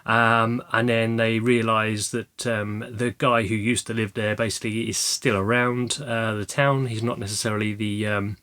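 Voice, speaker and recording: Chatty man, slightly croaky. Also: on the low side, little pitch movement, normal speed, few pauses, pushed and bright. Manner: chatty and rambling, many ums and restarts. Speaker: video creator showing a film haul. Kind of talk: casual chat.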